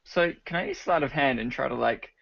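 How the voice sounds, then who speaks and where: A man's voice: medium pitch, a little fast, gravelly. A man playing in a tabletop game, talking casually and hesitantly with lots of "like". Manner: hesitant, full of "like". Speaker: player. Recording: muffled lo-fi recording with faint noise.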